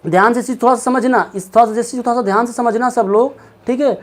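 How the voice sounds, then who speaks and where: A man's voice: very high-pitched, quick pace. A male English teacher giving a live online class, repeating questions and calling on students by name and pet name. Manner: keeps quizzing students, repeats questions, calls them by name and pet names.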